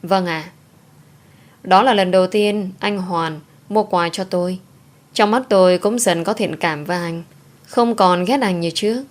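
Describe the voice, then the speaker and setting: Narrator: woman, lowish pitch, steady measured storytelling. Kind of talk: first-person story narration.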